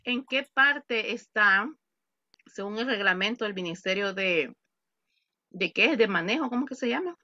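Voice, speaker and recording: A woman teaching English over a video call speaks slowly, taking her time with each example. Her voice is bright and a little high, recorded dry and a bit dull through a computer mic. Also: lively intonation, no echo. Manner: patient, repeats words slowly for students. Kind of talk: online English class explained in Spanish. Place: home.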